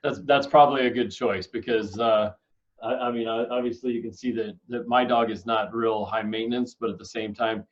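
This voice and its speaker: A man's voice: medium pitch, fairly even intonation, fairly quick, muffled recording. A young man hosting a casual interview for kids, friendly and upbeat with joking asides. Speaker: host, school staff member.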